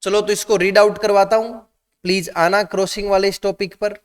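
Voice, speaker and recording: A man's voice: sits high, little pitch movement, fairly quick, smooth, long reverb tail. A man teaching a class, asking students questions and mixing Hindi with English terms. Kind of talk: classroom lecture.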